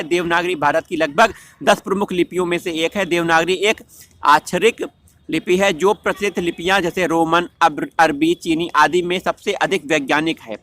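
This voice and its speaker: High, bright-voiced male teacher. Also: no room sound. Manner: repeats answers and corrects himself mid-word. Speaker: exam-prep teacher. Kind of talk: spoken lesson, question and answer.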